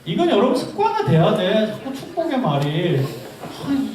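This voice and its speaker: A man preaching a lively youth sermon as a pastor, joking with the congregation. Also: high voice, moderate pace. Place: church hall. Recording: echoey hall recorded from far off.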